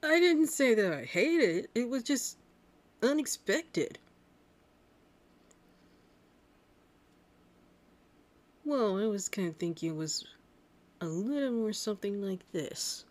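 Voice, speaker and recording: A woman voicing a shy, flustered young male cartoon hedgehog hero in love, husky and hesitant, in an intimate ASMR roleplay. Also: medium pitch, lively intonation, unhurried, natural voice. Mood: surprised, defensive. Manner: hesitant, stammering, bashful.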